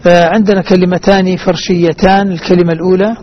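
A man's voice: high-pitched, flat delivery, a little fast. A man speaking formal standard Arabic as host and teacher of a religious recitation programme, explaining in a didactic way, listing and repeating his points. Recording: dull band-limited broadcast with faint noise.

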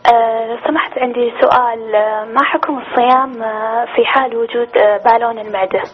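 A woman's voice: on the high side, steady tone, fast talker. A woman calling in with questions, polite and hesitant. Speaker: caller. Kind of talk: phoned-in question. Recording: tinny phone line with faint hum.

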